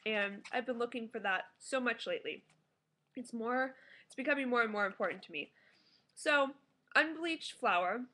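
A woman's voice: on the high side, bright, forceful tone. A woman in her thirties giving a casual, enthusiastic food review to camera at home as a food blogger. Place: small living room at home, indoors.

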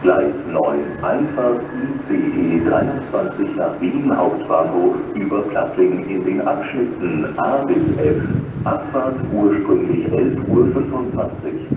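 Very echoey, low-voiced male German station announcer. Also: lively intonation, distant mic. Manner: measured, impersonal, segmented announcement phrasing. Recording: muffled echoing station PA with clear noise.

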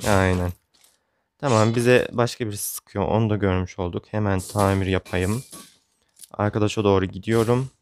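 A man's voice: fairly low pitch, fairly even intonation, normal speed, slight background noise. Chatty young man narrating his gameplay. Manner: chatty, exasperated, joking. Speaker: gaming YouTuber. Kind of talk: casual gameplay commentary.

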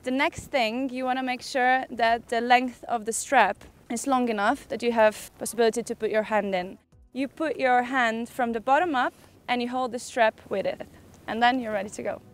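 A young woman speaks as a ski instructor in a tutorial, going through technique one step at a time. Her voice sits on the high side. Light music plays behind her. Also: steady tone, moderate pace. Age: young adult. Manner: step-by-step, often checking with "yeah?". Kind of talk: instructional tutorial presented to camera. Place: outdoors on a snowy ski slope. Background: background music.

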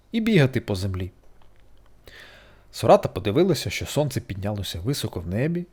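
A storyteller reading a bedtime fairy tale aloud in an expressive, sing-song manner. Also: medium pitch, slightly rough.

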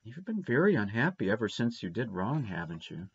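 A man voicing a gentle, patient young woman in a storybook, tenderly questioning and soothing a child. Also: lowish voice, sing-song, fairly quick, slightly rough, lo-fi sound, full character voice. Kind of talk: storybook character reading.

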